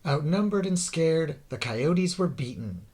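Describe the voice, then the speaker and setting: As a storybook narrator, a man reads a rhyming children's tale in dramatic, scripted fashion. He's theatrical, deliberate and expressive, speaking slowly with drawn-out phrase endings, wide pitch swings and a darkish tone.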